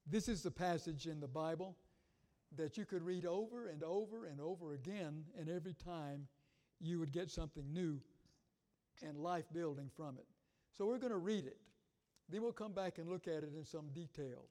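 A man's voice: fairly high pitch, moderate pace, mellow. A man preaching a sermon, reading scripture aloud and rising in volume on the verses. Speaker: pastor. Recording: long hall reverb.

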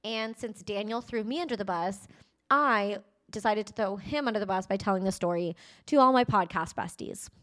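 A woman's voice: medium pitch, normal speed. Chatty young woman podcast host. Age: 20s. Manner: chatty, animated, addresses listeners as "you guys". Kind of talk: casual storytelling.

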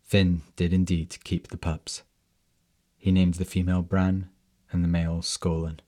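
Male storyteller, slow and measured narration, deep flat voice.

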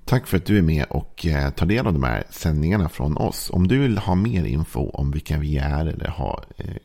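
A male pastor giving a calm, reflective devotional sermon, reading scripture and pausing often with fillers. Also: rumbling low.

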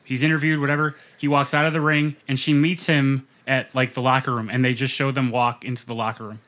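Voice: medium pitch, flat delivery, a little fast, fairly bright tone. A co-host on a casual film podcast who tells long anecdotes and asks the others questions.

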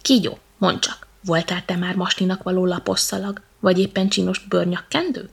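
A woman's voice: fairly low pitch, little pitch movement, gravelly, slightly rough. A woman voicing a good-natured, hungry little male elephant in a storybook reading, easygoing and chatty. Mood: teasing.

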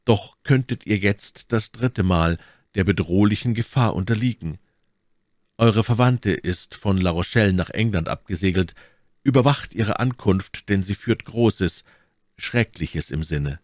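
A man voicing a refined musketeer in an audiobook reading, reading a letter carefully and softly. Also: fairly low pitch, unhurried, no room sound, clean studio sound, natural voice.

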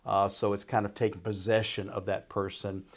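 A man with a fairly low voice explains as an advisor on a radio show. He talks informally and folksily, checking that the listener follows. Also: level tone, normal speed. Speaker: retirement planner and radio show expert. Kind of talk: conversational explaining.

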